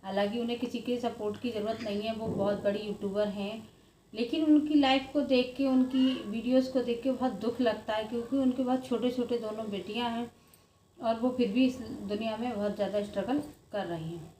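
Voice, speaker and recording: On the high side, brisk and mellow with a steady tone, a woman from India vlogs informally. She speaks earnestly and emphatically and keeps returning to earlier points, while the echoey room adds faint background noise.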